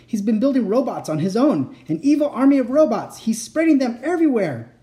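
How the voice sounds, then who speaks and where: A man voicing a desperate male inventor who shouts warnings in a raised, urgent voice. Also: very high-pitched, big pitch swings, a little fast, voice pushed up. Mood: frantic. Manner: frantic, warning, loud. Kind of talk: audiobook character voice.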